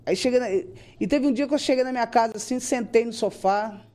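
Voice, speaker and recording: A woman tells an emotional religious testimony. Her voice is mellow and a touch dark. She talks earnestly and acts out her own prayers as she goes. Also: a little high, fairly quick. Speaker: guest giving a church testimony.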